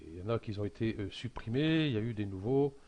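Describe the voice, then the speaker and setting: A man talking through a casual software tutorial, hesitant and full of fillers and restarts. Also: on the low side, lively intonation, fast talker, lo-fi sound, a little hiss or hum.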